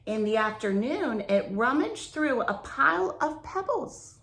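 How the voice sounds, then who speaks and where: A woman reading a picture book aloud to young children in an expressive, drawn-out way, with chatty asides and questions to the listeners. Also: high-pitched. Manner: animated, drawn-out phrasing, asks the listeners questions.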